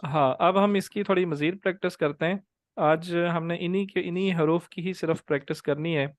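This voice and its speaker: A man's voice: on the high side, fairly even intonation, dry recording. A young man teaching an online Quran tajweed class, patiently drilling letter sounds and calling on students by name over a video call. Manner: drawn-out demonstrated letter sounds.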